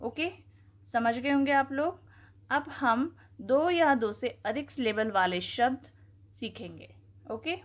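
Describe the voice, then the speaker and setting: A woman teaching grammar, asking questions and answering them herself. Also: on the high side. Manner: explains slowly, asking and answering her own questions. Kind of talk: classroom-style lesson.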